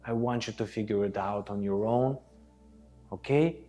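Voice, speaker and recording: A man's voice: fairly low pitch, moderate pace, warm tone, soft background music. Reassuring male breathwork instructor. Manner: reassuring, instructional, often checking with "okay?". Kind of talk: guided group breathwork instruction.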